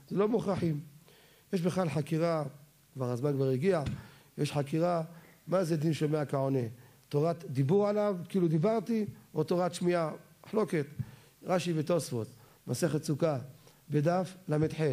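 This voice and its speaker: A man delivers a Torah lecture on religious law. His voice sits a little high for a man yet sounds mellow and warm. He keeps putting questions to his listeners and then answers them himself.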